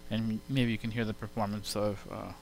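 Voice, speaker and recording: A man's voice: lowish voice, little pitch movement, a little fast, creaky, soft background music. A man giving an informal, step-by-step spoken demo in an explanatory way. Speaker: software demonstrator. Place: recorded on a computer sound card. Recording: hissy home computer sound-card input.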